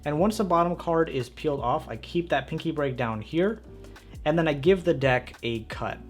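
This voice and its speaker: A man's voice: fairly high pitch, moderate pace, faint music behind. A man presenting a magic tutorial in casual, upbeat card magician patter, speaking straight to the viewer.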